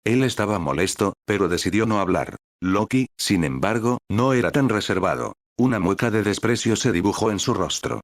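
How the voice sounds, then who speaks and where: A man narrating a story in a steady, even way. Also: lowish voice, moderate pace, dry recording, studio quality. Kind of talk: scripted narration.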